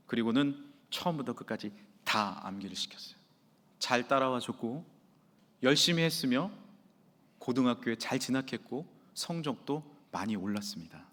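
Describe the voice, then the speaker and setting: A man preaching a sermon as pastor in a church sanctuary, swinging from loud to near-whisper. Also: mid-range voice. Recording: reverberant church hall.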